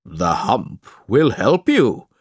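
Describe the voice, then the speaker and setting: A man voicing a solemn, commanding male djinn spirit in a storybook reading, speaking slowly and sternly. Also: medium pitch, wildly swooping pitch, slightly rough, no echo, clean studio sound, heavily acted. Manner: slow, stern, deliberate.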